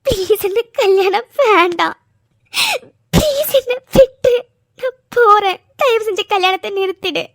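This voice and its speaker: A woman's voice: very high voice, expressive, fairly quick, no room sound. A woman voicing a young cartoon bride who insistently pleads, often near tears, to call off her wedding. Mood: tearful. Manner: insistent, exasperated, tearful pleading. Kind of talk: cartoon voice acting.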